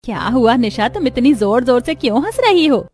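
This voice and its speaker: A woman's voice: a little high, big pitch swings, moderate pace, darkish tone, voice pushed up. A woman voicing a firm, kindly mother-in-law. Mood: scolding. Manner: caring but scolding. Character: kind, firm middle-aged mother-in-law.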